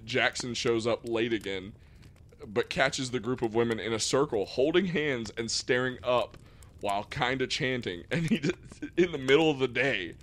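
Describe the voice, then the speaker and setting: A man's voice: medium pitch, normal speed, a bit bright. A man co-hosting a podcast, casually recapping a film plot in a laid-back way. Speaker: podcast co-host. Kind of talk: casual film review chat.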